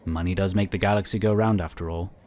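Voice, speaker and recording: In a sci-fi audio drama, a man voices an affable, talkative, polite psionic inquisitor, lightly acted in a low, darkish voice with a steady tone and fast delivery. His manner is easygoing and candid, and he explains a lot.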